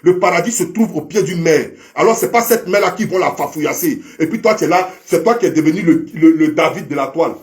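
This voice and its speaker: A man's voice: a little high, expressive, quick pace, hardly any pauses. A man delivering a preachy, repetitive monologue to a fellow online commentator, heavy with proverbs and addressing him as brother. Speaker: social media commentator. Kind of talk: impassioned monologue to camera.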